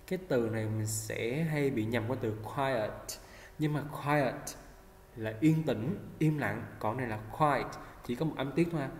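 A male English teacher, speaking at a middle pitch and carefully repeating each word for the class to copy. His voice rings through a roomy space with a long, hall-like echo. A faint hum sits behind him. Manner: patient, repeats words slowly to model pronunciation. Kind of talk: vocabulary lesson. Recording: echoey room with faint hum.

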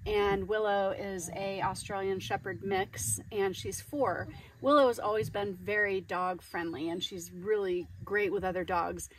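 A woman's voice: medium pitch, steady tone, unhurried. A woman in her forties chatting casually to camera outdoors, laughing easily. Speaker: homestead vlogger. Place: outdoors on a desert homestead. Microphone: camera held at a distance. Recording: distant outdoor camera sound, faint noise.

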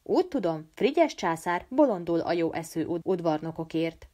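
Woman reading as young male student, breezy, teasing, evasive, audiobook figure, lively up-and-down voice. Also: fairly low pitch. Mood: light, wry.

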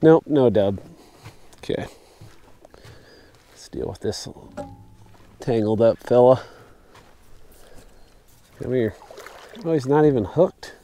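A man's voice: medium pitch, slow pace, long pauses. Laid-back young man fishing at night. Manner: relaxed, wry self-talk while fishing. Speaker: fishing vlogger. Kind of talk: casual outdoor vlog narration. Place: riverside sandbar at night, outdoors. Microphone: camera-mounted mic, sometimes off-axis.

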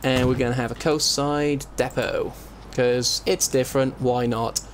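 A man hosting a let's play chats casually about the game, rambling, thinking aloud and often stopping himself mid-sentence. His mid-range voice stays level and measured in pace. Keyboard typing and faint room noise sit behind the voice-over from his compressed desktop mic.

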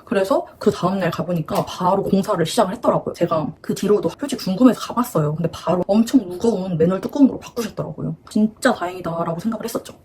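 A woman's voice: on the low side, quick pace, hardly any pauses, crowd noise. A woman in her twenties chatting through a story in a casual vlog. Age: 20s. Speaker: beauty vlogger.

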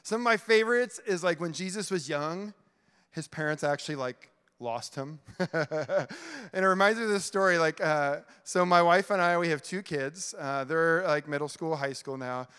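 A middle-aged man giving an energetic, chatty youth sermon full of "like", in a church hall. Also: fairly high pitch, moderate pace, smooth. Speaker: youth pastor. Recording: long hall reverb.

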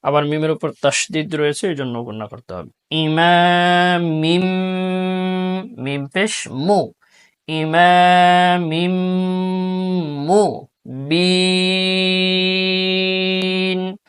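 A man gives a tajweed recitation lesson, sounding out each letter and syllable before chanting the word in a long, stretched-out line. His voice is smooth and resonant, and he moves at an extremely slow, deliberate pace. He slips into quieter, quicker explanations between the drills. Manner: spells letters syllable by syllable, then recites slowly and drawn out; brisk, low-key explanations between recitations. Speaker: Quran recitation teacher.

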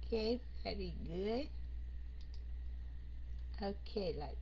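A woman's voice: medium pitch, lively intonation, drawn-out words, dark tone, highs cut off, slight background noise. A woman teacher leading an online English grammar lesson, coaxing and quizzing her students and slipping English words in.

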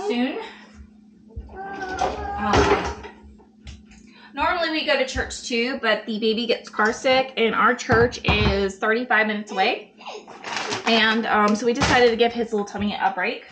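Cooking in her kitchen at home, a mother who vlogs talks casually to the camera and turns between asides to address her kids and dogs. Her voice sits a little high. The background is noisy, with music playing.

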